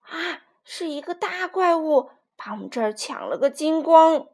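A woman's voice: sits high, expressive, moderate pace, pitched above the performer's own voice. A woman doing a trembling, frightened old rooster. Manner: hushed and urgent.

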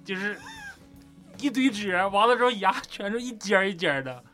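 Higher-voiced guy telling stories. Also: lively intonation, fairly quick, bright, forceful tone. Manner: earthy, vivid storytelling with swearing. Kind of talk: casual group chat, anecdotal. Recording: music playing behind the talk.

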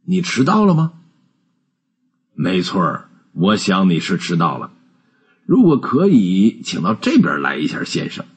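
A husky old boss, once a miser, now speaking with a low growl that softens into warmth, as a storybook narrator puts him on. The voice sits deep and swings around freely in pitch. There is a breathy, rough grain to every word. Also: male voice, wildly swooping pitch, unhurried, exaggerated voice. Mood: gruff. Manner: low growling, then warm and generous. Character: gruff old male miser turned kindly boss.

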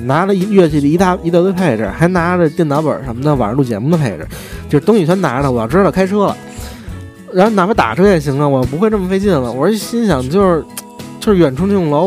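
A man's voice: a little high, a little mellow. A man with a Beijing accent telling a long personal story in casual monologue, acting out the dialogue in a chatty, wry way. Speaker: podcast host.

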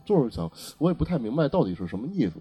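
A man's voice: medium pitch, very animated, racing, slightly rough, highs cut off, soft background music. A man co-hosting a casual chat, introducing and explaining Chinese internet slang. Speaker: podcast co-host.

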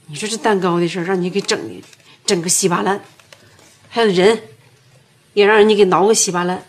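一名女演员饰演一位苦口婆心劝人的大姐，操东北口音。. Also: female voice, mid-range voice, fairly even intonation, brisk, lightly acted. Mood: coaxing. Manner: coaxing, lecturing. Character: motherly older-sister woman giving advice. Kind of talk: TV series acting.

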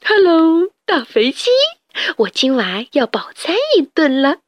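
A woman's voice: high voice, sing-song, slow, gravelly, fairly bright tone, dry recording, clean studio sound, exaggerated voice. A woman voicing a greedy, gluttonous rat in a storybook, gleeful about a meal.

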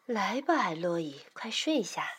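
Husky storybook mom, loving but fierce, pitch swinging freely, read by a woman. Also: big pitch swings, a little slow, full character voice. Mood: gentle. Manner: gentle and soothing, turning loud and scolding.

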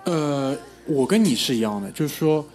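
A man's voice: a little high, animated, normal speed, a little mellow, faint music behind. A man in a casual group chat who teases the others and swears bluntly.

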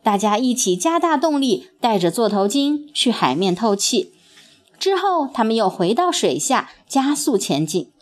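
A woman narrating a children's story in an expressive, sing-song storytelling manner. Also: a little high.

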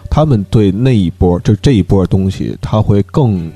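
Man, very low pitch, dark tone, blunt casual chat, faint music behind. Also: lively intonation, moderate pace, breathy edge. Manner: colloquial, blunt.

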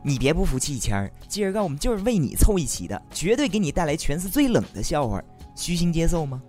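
An actress playing a bossy, boisterous older sister who tells corny jokes in a comedy sketch. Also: female voice, deep voice, big pitch swings, fast, warm tone, soft background music.

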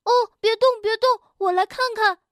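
A woman's voice: very high voice, normal speed, fairly bright tone, dry recording, clean studio sound, pitched above the performer's own voice. A woman voicing a cheeky, fearless male frog in a children's storybook, with a chirpy, teasing and bold manner.

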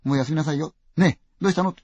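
A woman's voice: low-pitched, racing, darkish tone, breathy edge, no echo, pitched above the performer's own voice. A man voicing an anxious night-shift hospital nurse who presses with urgent, coaxing questions. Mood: worried coaxing. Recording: dull, dry lo-fi recording.

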